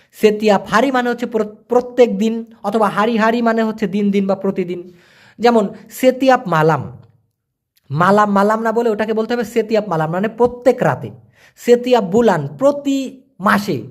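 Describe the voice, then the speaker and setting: A teacher from Bangladesh, giving a spoken language lesson. The teacher explains patiently, repeats every word, spells some of them out letter by letter, and acts out little sounds and scenes to make the meaning clear. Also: medium pitch.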